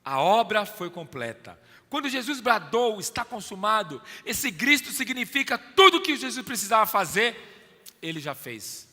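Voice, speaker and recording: Pastor brasileiro pregando com fervor, voz clara e cortante, reverberação de salão. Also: male voice, high-pitched, sing-song, moderate pace, sharp tone. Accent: Brazilian Portuguese. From Brazil. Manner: emphatic preaching, often addressing listeners as "filho" and "querido". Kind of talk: sermon.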